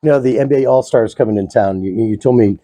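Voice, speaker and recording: A male interviewer with a very dark, mellow voice asks questions in a casual, slightly halting way. The recording is close and dry. His delivery sounds friendly and unscripted. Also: mid-range voice, no echo, low-quality recording. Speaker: interviewer, host. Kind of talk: interview conversation.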